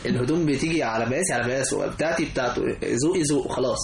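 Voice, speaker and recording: Speaking rapid-fire in a mid-range voice, a young man with an Egyptian Arabic accent is a guest in a casual chat, emphatic and prone to repeating himself. Crowd noise, a roomy echo, and faint background noise are audible.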